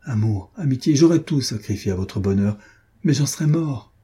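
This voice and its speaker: A man's voice: mid-range voice, expressive, moderate pace, mellow, slightly rough. A man reading an anguished, jealous husband who pleads with his friend in emotional outbursts, in an audiobook.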